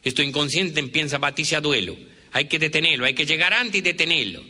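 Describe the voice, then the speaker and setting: A man's voice: fairly high pitch, a little fast, bright, forceful tone. A man with an Argentine accent voicing an Italian man who makes an anonymous, formal and pleading call to the police. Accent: Argentine Spanish. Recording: reverberant hall with faint noise.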